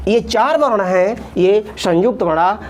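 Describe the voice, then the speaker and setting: A woman's voice: medium pitch, lively intonation, unhurried, a little mellow. A woman teaching a Sanskrit grammar lesson, patiently repeating each term first in Sanskrit and then in Hindi, and drawing out the vowel sounds as she says them. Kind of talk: classroom lesson explaining at a board.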